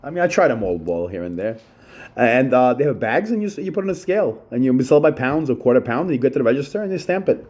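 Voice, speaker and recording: Speaking quickly in a mid-range, sing-song voice with a touch of mellowness, a middle-aged Long Island channel host goes on a profane, repetitive solo ramble about growing up. He keeps dropping "yo" as he talks.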